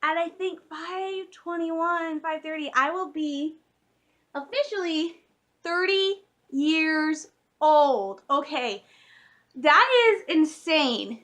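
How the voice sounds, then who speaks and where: A woman's voice: high-pitched, slow pace, a bit bright. A woman in her late twenties chatting casually to the camera from her room at home, rambling and giggling, with lots of fillers. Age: late 20s. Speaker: vlogger.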